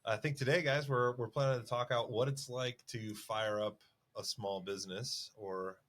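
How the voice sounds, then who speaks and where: A man's voice: medium pitch, fairly even intonation, moderate pace, a bit bright, a little hiss or hum. A middle-aged man co-hosting a casual business podcast, chatty and self-mocking, laughing often as he tells stories. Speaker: podcast co-host.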